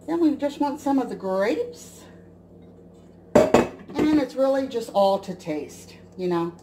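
Animated and unhurried, this fairly high-pitched woman explains a recipe step by step as she cooks in her home kitchen. She's in her forties and from the US Midwest; the camera mic at the counter captures a very noisy scene.

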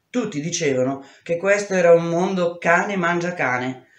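A woman reading a memoir aloud in an intense, expressive way, shouting out the dialogue. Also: low-pitched, reverberant. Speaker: reader. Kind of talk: dramatic audiobook reading.

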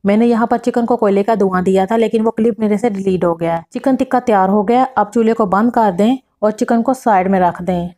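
Woman, cooking-channel host voicing over a recipe, methodical step-by-step delivery. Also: mid-range voice. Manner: steady step-by-step instructions with measured quantities.

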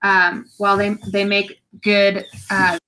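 A woman in her twenties speaking as a guest over a video call from home, hesitant and halting. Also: medium pitch, little pitch movement, sharp tone, a little hiss or hum, poor audio. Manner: hesitant, halting, with small laughs. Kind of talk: casual video call chat. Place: room at home, indoors. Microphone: webcam on a video call.

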